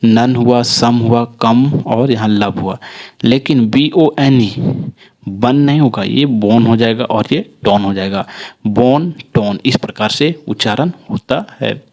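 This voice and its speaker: Indian male teacher, mid-pitched voice, explaining pronunciation rules step by step, asks and answers his own questions. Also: slow pace, darkish tone. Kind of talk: classroom-style video lesson.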